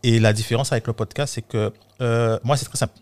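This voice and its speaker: A man's voice: mid-range voice, fairly even intonation, fairly quick, a little mellow. A man giving his opinion in a casual studio round-table chat, emphatic and sure of himself. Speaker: podcast guest.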